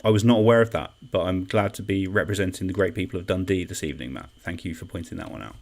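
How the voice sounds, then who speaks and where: A man's voice: low voice, fast talker, creaky, darkish tone. A young man hosting an online quiz in a chatty, self-deprecating way, reading out comments and repeating each question. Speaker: quiz host. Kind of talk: casual live-stream quiz hosting.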